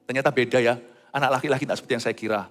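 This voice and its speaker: A middle-aged man preaching a sermon, swinging between loud high exclamations and hushed low asides. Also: steady tone, rapid-fire, in a large hall. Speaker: pastor.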